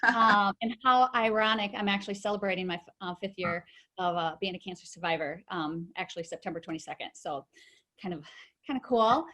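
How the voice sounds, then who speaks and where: A middle-aged woman speaks as an interview guest, recounting her own experience in a loose, chatty way. Her voice sits at an ordinary pitch. She fills her story with fillers and false starts. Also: brisk, sharp tone.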